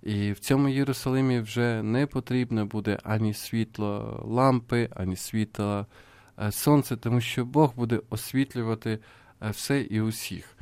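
A man, a priest, explaining faith calmly on a radio talk show, with many pauses and fillers. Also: fairly low pitch, clear, resonant tone, dry recording. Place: radio studio. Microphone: studio mic.

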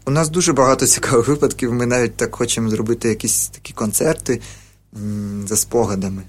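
Fast-talking man explaining at length. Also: medium pitch, fairly even intonation. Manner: explanatory, many fillers and restarts. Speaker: folk music researcher, interview guest. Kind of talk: radio interview.

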